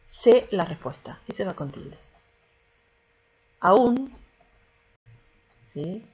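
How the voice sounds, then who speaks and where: A woman teacher walks through a grammar lesson with a low, slightly husky voice. She explains patiently, point by point, and often checks in to make sure the class is following. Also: expressive, unhurried, warm tone, muffled recording.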